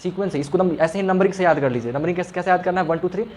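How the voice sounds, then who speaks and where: A man's voice: high voice, very fast, darkish tone, a little hiss or hum. A male teacher giving a classroom lesson, patiently explaining and repeating each sound for the students. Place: classroom with a fan running.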